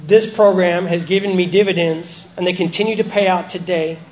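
Casting: man, high-pitched, missing front teeth, plain-spoken and halting recovery testimony, noisy recording. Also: steady tone, a little mellow. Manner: halting, plain-spoken, self-deprecating, sweary. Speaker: recovery meeting speaker. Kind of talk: informal personal testimony to a recovery group.

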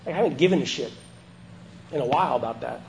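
A man speaking through missing front teeth, giving halting, self-deprecating, sweary personal testimony as a speaker at an informal recovery meeting. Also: medium pitch, lively intonation, creaky, darkish tone, a little hiss or hum.

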